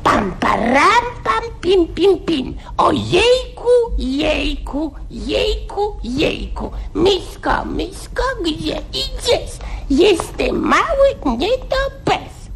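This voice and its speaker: A man voicing a tiny, young mouse in an old children's recording, in a very high, sing-song, drawn-out voice. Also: sing-song, gravelly, fairly bright tone, a little hiss or hum, exaggerated voice. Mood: playful.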